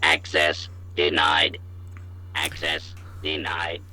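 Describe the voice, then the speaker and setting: Stern robotic bank security computer. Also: male voice, sits low, takes it slowly, gravelly, heavily acted. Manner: flat clipped announcements. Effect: robotic synthesized voice. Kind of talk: video game voice line.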